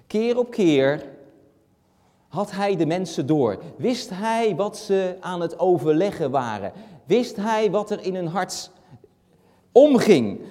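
A man preaching a sermon and reading Bible verses, speaking earnestly and steadily with frequent pauses and fillers. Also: sits high, mellow. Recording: long hall reverb.

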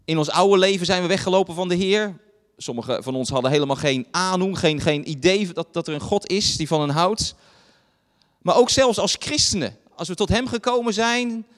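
A man preaching a sermon, retelling a Bible story and acting out the voices in it, with fillers and pauses. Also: high voice, in a large hall. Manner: dramatizes quoted voices, pausing with fillers.

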